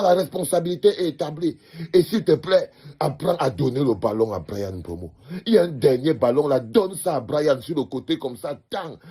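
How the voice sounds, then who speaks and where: A man with a Cameroonian French accent talks straight to the players in a comic monologue, with a husky, slightly breathy voice. He sounds fatherly and teasing and drives his points home by saying them again and again. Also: mid-range voice, dark tone. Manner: emphatic repetition, fatherly teasing. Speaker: comedian addressing the national team. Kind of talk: comedic monologue.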